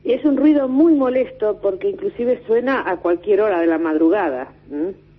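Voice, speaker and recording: A woman's voice: medium pitch, moderate pace, husky. A woman calling in over the phone to a radio show, explaining a complaint in a rambling, hesitant way. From Spain. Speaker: radio caller. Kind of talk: phoning in a complaint. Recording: tinny phone line on radio.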